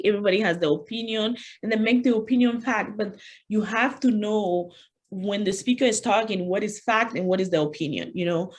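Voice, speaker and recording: With a medium-pitched voice and a French accent, a woman presents an interactive leadership workshop online, standing at her computer on a video call. She keeps it conversational, saying "you know" often.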